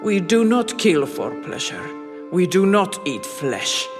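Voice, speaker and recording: A stern creature mother with horns tells a warning tale in a slow, solemn voice, as a male narrator puts her on. Her voice sits higher than a man's usual register. It rings with long hall reverb over loud music. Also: very animated, exaggerated voice. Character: stern grieving Boryot mother, horned creature.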